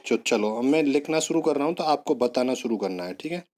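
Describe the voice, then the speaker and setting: A man's voice: medium pitch, expressive, brisk, a little mellow. A male teacher giving an online exam-prep lesson, repeating words and coaxing students along with memory tricks.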